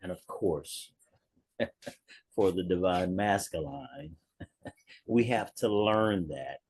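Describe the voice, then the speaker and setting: A man in a writing group sharing his reflections on a video call, slow and thoughtful, repeating key words. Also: sits low, a little mellow, no echo. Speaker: workshop participant.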